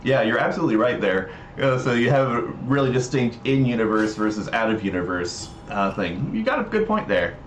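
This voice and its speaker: On a relaxed livestream, a man walks viewers through a demo of his game project with lively intonation, talking a little fast with hardly any pauses. His voice is mid-range, and there's slight background noise, a roomy echo, and game music behind him.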